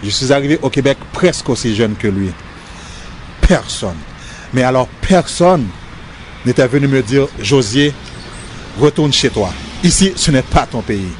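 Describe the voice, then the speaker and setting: A man's voice: mid-range voice, animated, measured pace, slight background noise. A Haitian-born man, speaking earnestly and directly to a named listener, outdoors in front of a prison. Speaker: former inmate speaking to camera. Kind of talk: documentary address.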